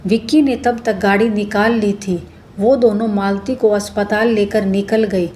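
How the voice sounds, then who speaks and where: A woman narrating a scripted family story in a steady, even manner. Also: mid-range voice, a little slow, slight background noise.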